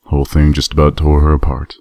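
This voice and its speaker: A man brings to life a battle-worn male pony soldier in heavy armor, heard in a storybook reading. His voice sits extremely deep and gruff, measured and somber. It is recorded close and dry. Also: monotone, warm tone, dry recording. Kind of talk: audiobook role reading.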